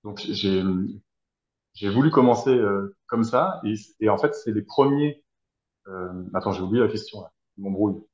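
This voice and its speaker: A man's voice: fairly low pitch, moderate pace, a little mellow, echoey room, highs cut off. A man in his thirties from France, answering interview questions in a reflective, hesitant way over a video call. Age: 30s. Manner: reflective, hesitant, searching for words. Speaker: guest, helping professional. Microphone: video call from abroad.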